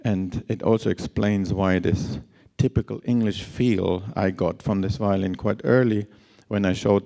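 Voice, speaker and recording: A man's voice: fairly low pitch, vocal fry, mellow. A man giving a conference lecture, his voice scratchy from long travel, speaking hesitantly with many fillers and restarts. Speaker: lecturer on instrument certification. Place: lecture hall.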